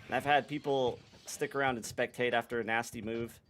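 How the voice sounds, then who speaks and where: A man's voice: medium pitch, steady tone, brisk, fairly bright tone. A young man streaming a game live, chatting casually to his viewers in a laid-back, slangy way. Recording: noisy background.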